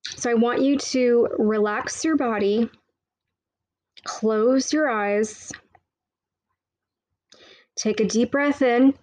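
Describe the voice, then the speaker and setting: A woman leading a guided meditation with soothing, hushed, intimate delivery and repetitive, hypnotic phrasing, close on the microphone. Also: on the high side, slow pace, long pauses, no room sound, rough recording.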